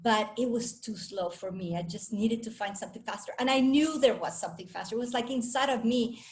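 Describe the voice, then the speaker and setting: A woman's voice: on the high side, a little fast, darkish tone. A woman in her fifties from Venezuela, a coach giving a chatty, self-assured talk to a live audience. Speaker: speaker and coach.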